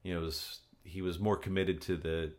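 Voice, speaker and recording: A man's voice: deep voice, level tone, a little fast, a little mellow. A man hosting a podcast in casual chat, with a joking, conversational and somewhat hesitant delivery. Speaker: podcast host.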